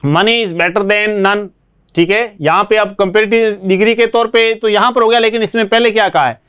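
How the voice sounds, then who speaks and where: Higher-pitched Indian man teaching English. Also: fairly bright tone, clear, resonant tone, dull audio. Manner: explains slowly, checks understanding with frequent rhetorical questions. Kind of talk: classroom lesson.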